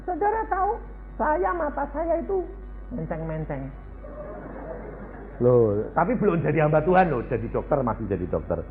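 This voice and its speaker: A man's voice: a little high, wildly swooping pitch, normal speed, pauses often, phone-quality sound, faint music behind. An Indonesian preacher, telling folksy stories in a sermon to his congregation.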